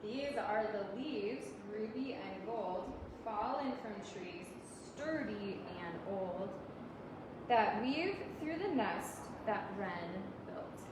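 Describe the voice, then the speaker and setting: A female children's librarian leads story time, reading aloud to preschoolers and speaking simply while asking them frequent questions. Her mid-range voice is expressive and slow. The room is very echoey and noisy, picked up by a distant mic.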